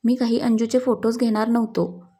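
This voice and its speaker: A woman's voice: a little high, level tone, normal speed, mellow, close to an everyday voice. A woman voicing a sly, joking young man. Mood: flustered. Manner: teasing, nervous, joking. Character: young man, playful, sly, fumbling liar.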